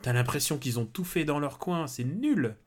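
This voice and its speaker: A man's voice: on the high side, expressive, moderate pace. A man co-hosting a film podcast in casual chat, hesitant with many fillers and bluntly scornful. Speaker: podcast co-host.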